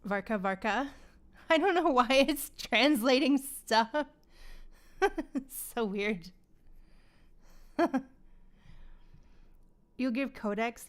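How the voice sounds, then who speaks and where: Over game music, a livestream host with a smooth, medium-pitched voice plays a video game and chats casually with her audience. She keeps it informal and occasionally swears.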